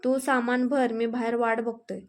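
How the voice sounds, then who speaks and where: A woman's voice: fairly high pitch, flat delivery, normal speed, lightly acted. A woman voicing a young male farmer, a hurt but firm husband, in a storybook reading with a raised, scolding delivery. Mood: angry.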